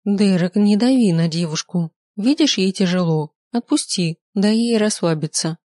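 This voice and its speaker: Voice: mid-range voice, moderate pace, warm tone, dry recording, studio quality, lightly acted. A reader voicing a firm, commanding middle-aged woman, a mother and hostess, in an audiobook. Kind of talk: audiobook character voice.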